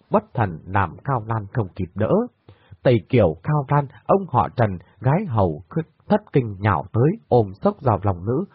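A male audiobook narrator reading a dramatic tale in an expressive voice. His voice is husky, and his pitch moves over a wide range. The recording is dry and tinny, like a phone line. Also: no room sound.

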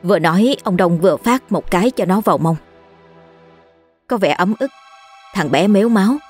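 A woman narrating a scripted ghost story with a steady storytelling delivery. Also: medium pitch, moderate pace, slightly rough, faint music behind.

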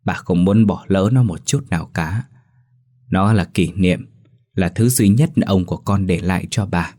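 A man voicing a gentle elderly grandmother, a grieving widow, who speaks softly and tenderly in an audio story. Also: sits low, unhurried.

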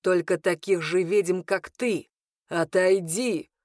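A woman's voice: measured pace, darkish tone, no room sound, studio quality, natural voice. Woman putting on a stern commanding lord. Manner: harsh, commanding, lowered voice. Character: stern commanding male lord, dragon-rider. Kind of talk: audiobook character reading.

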